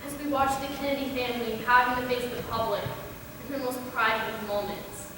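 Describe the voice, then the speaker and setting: A young woman playing an earnest female high school student, giving an emphatic, persuasive stage speech. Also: steady tone, a little fast, a little hiss or hum, close to an everyday voice. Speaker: student actor. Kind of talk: stage play speech to a class. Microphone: distant room mic. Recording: echoey hall from far off.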